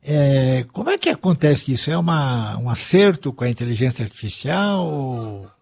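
A man's voice: medium pitch, very animated, moderate pace, creaky, a little mellow, slightly rough. A man hosting a radio news show, asking a guest hesitant questions. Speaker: radio host. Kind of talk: radio interview.

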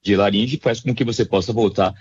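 Um médico otorrinolaringologista com sotaque brasileiro, explicando com calma e hesitações numa entrevista de rádio. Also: male voice, lowish voice, breathy edge, lo-fi sound. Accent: Brazilian Portuguese. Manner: measured, explanatory, with frequent hesitations. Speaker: ear, nose and throat doctor, voice specialist. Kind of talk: explanatory radio interview answers.

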